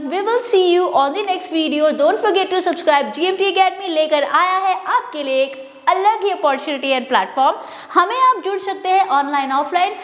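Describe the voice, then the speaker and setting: A woman teaching English pronunciation in a mix of Hindi and English, with an Indian accent, energetic and slowing down to drill each word. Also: sits high. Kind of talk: Hinglish teaching to camera. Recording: echoey room with long reverb.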